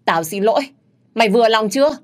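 A woman's voice: expressive, fairly quick, close to an everyday voice. A woman voicing a spiteful young female servant who shrieks her accusations. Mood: sullen defiant. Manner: shrill and accusing.

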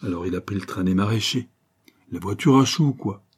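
A man's voice: on the low side, brisk, slightly rough. A man voicing a bold, streetwise street urchin boy with slangy, boastful patter. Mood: cocky.

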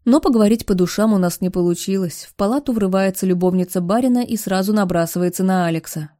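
A woman narrating a novel in the first person, steady and expressive. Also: medium pitch, fast talker. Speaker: audiobook narrator.

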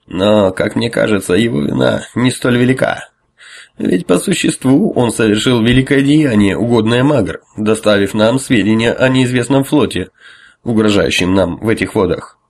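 A man's voice: mid-range voice, animated, brisk. A man voicing a restrained admiral who speaks with formal, strained courtesy. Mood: tense polite. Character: restrained middle-aged male admiral, tense and polite.

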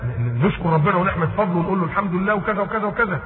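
A man's voice: high-pitched, expressive, very fast, slight background noise. A man with an Egyptian Arabic accent delivering a religious lecture, telling a story and quoting classical Arabic before explaining it in colloquial speech. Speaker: preacher. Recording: echoey hall on a tinny phone-like line.

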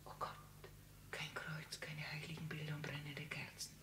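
An actress playing an aging mother who desperately pleads, mostly in hushed whispers, to be let in to her dying husband in a radio play. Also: sits low, completely flat delivery, moderate pace, slight background noise. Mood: hushed pleading. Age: older.

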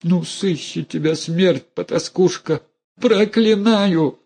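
A man doing a wailing, shrill old mother. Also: measured pace, dark tone. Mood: cursing. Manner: moaning, lamenting with sighs. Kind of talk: audiobook character voice.

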